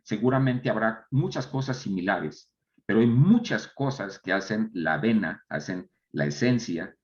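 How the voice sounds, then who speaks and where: A man's voice: lowish voice, lively intonation, measured pace, dull audio. A man, an entrepreneur and mentor talking reflectively as a guest, often restarting his phrases. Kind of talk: casual conversation.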